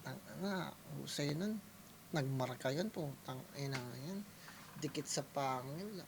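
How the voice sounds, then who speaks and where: A man reacting to a rap battle as a producer, excitable and swearing, often breaking into shouts. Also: fairly high pitch, measured pace, vocal fry, background noise. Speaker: reaction video host, music producer.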